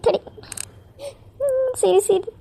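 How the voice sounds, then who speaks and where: A woman's voice: slow pace, warm tone, close to an everyday voice. A woman voicing a caring, protective elder sister who coaxes and scolds. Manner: coaxing, then firm and scolding.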